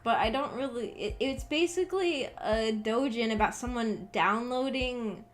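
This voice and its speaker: A young woman streams as a VTuber, chatting casually and rambling in a giggly, hesitant way. Her voice is fairly high and a little slow, with background music playing behind it.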